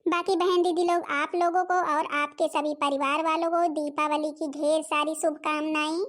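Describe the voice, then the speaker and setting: A woman's voice: high voice, little pitch movement, moderate pace, lightly acted. A woman voicing a scolding middle-aged elder sister-in-law in a cartoon, chattering and talking to viewers. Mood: chatty. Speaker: narrator figure addressing viewers. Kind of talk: Hindi cartoon voice acting.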